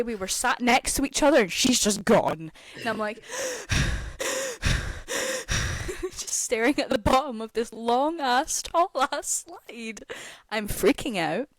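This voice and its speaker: A young woman casually telling a story on a podcast, animated and swearing freely, often checking in with "okay?". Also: on the low side, dry recording. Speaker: podcast host.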